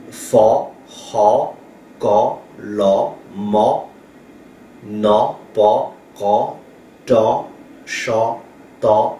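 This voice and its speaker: A man with Hmong as his first language teaches a language lesson at a very unhurried pace, patiently repeating each sound aloud. His voice sits back from the microphone in an echoey room. A faint hum of ambience runs underneath. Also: medium pitch, darkish tone, far from the mic. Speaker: pastor teaching Hmong reading. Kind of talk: slow spoken language lesson. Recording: roomy echo, voice from afar, faint ambience.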